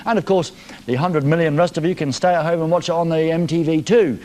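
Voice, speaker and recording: A man's voice: fairly high pitch, steady tone, a little fast, darkish tone. A man hosting a live television music show from a studio, reading viewer messages in a jokey, teasing, playful way.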